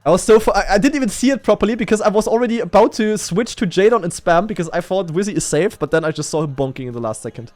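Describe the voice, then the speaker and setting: Excitable high-voiced commentator. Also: male voice, fast talker, hardly any pauses, no echo, faint music behind. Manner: excitable, jokey, rises to shouts on big moments. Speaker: esports commentator. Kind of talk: live esports commentary.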